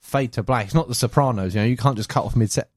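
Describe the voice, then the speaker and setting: Rambling animated man. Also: medium pitch, very fast, no echo, clean studio sound. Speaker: podcast guest. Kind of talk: casual chat.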